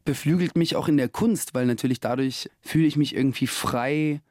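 A Russian actor and musician in his late twenties talks casually and reflectively as an interview guest, laughing often and using lots of fillers. His mid-range voice is fairly quick and a little mellow, recorded at studio quality with no room sound.

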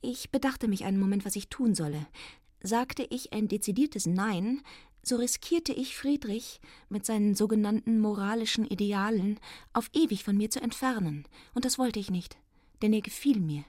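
A woman's voice: medium pitch, normal speed, dark tone, no echo, studio quality. A woman reading a nineteenth-century novel aloud in the first person, in an ironic, affected, theatrical manner. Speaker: reader.

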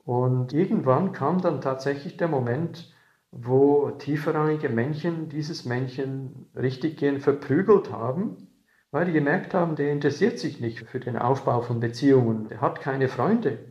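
A man's voice: mid-range voice, normal speed, darkish tone, dull audio. A man explaining things freely as a researcher being interviewed, recorded in an echoing room. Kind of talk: unscripted explanatory interview talk.

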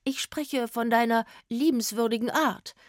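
A woman's voice: fairly high pitch, a little slow, no room sound, studio quality, pitched above the performer's own voice, lightly acted. A woman voicing a playful, teasing young female drummer who talks in a coy way in an audio storybook.

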